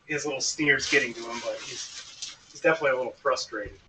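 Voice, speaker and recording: A man's voice: mid-range voice, quick pace, distant mic. Playful male player, off-mic. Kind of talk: tabletop game play, in-character talk. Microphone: one shared mic across the room. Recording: off-mic with faint noise.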